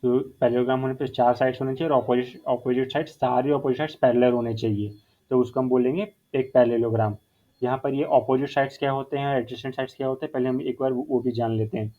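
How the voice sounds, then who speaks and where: A man's voice: medium pitch, steady tone, fast talker. A male math teacher explaining a whiteboard lesson step by step, repeating key terms and mixing in English phrases. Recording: phone-like narrow sound.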